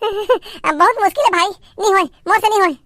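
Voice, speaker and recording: A woman with a very high, pushed, bright voice plays giggly village children in a cartoon, with a faint hiss or hum on the track. She speaks with a Chhattisgarhi accent, trading quick, teasing back-and-forth banter as bickering kids who stage a doll wedding, a piece of comedic cartoon voice acting.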